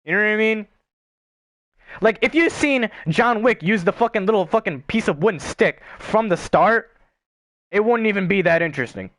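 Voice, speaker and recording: A man's voice: sits high, lively intonation, moderate pace, fairly bright tone, dry recording. A young man chatting casually on a gaming stream, rambling and swearing with lots of filler words.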